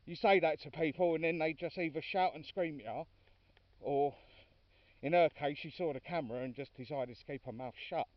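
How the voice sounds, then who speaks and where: A man's voice: fairly high pitch, moderate pace, no echo, recorded from a distance. Man chatting on a dog walk. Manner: chatty and informal, calling his dogs now and then. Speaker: dog walker filming his walk. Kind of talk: casual vlog commentary while walking. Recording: dry, dull lo-fi sound from off-mic.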